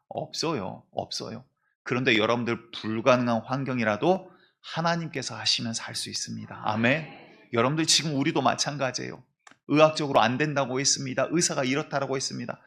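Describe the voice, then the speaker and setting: A man's voice: medium pitch, vocal fry, bright, forceful tone. A man, a senior pastor, preaching a sermon and acting out the voices of biblical figures as he tells the stories. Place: church sanctuary.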